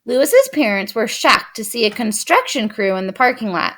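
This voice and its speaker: A woman expressively reading a children's picture book aloud. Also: fairly high pitch. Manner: expressive, unhurried. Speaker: storyteller.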